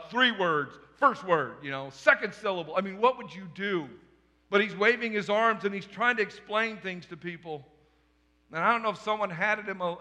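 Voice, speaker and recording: Pastor preaching with bright forceful tone. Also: male voice, on the high side, long reverb tail. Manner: humorous storytelling that acts out the scenes. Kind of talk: sermon.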